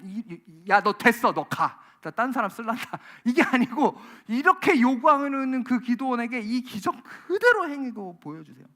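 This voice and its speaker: High-voiced, animated pastor preaching. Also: male voice. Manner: animated, exasperated rhetorical questions. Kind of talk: sermon. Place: church.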